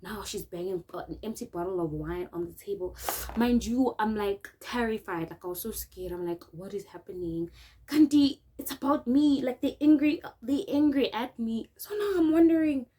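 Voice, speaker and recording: In a slightly high voice at normal speed, a young South African vlogger with a South African accent chats through a story while applying makeup. She's animated, imitates what others said, and mixes local words into her speech; the audio is poor.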